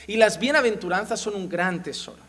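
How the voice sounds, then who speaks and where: Male pastor with a very high voice, preaching emphatically and repeating his points. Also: brisk, a bit bright. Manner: emphatic preaching with rhetorical questions and repeated phrases. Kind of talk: sermon.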